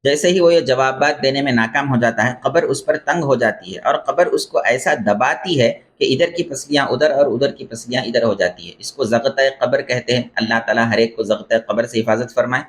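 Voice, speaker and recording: A man's voice: medium pitch, fairly bright tone. A male Islamic scholar giving a religious lecture, explaining terms and repeating phrases for emphasis. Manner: explains terms and corrects pronunciation. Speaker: Islamic scholar teaching beliefs.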